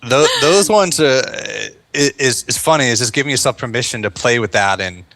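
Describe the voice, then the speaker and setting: A man's voice: medium pitch, expressive, normal speed, a bit bright. A man from the United States, a veteran turned actor, talking earnestly and reflectively as a podcast guest, with many fillers like "like" and "you know". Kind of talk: casual interview talk.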